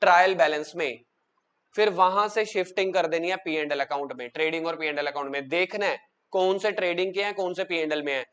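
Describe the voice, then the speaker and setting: A man teaching an accounts class, drilling students with quick questions and coaxing answers from them. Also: fairly high pitch, fairly even intonation, fairly bright tone, clear, resonant tone. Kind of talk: classroom lecture.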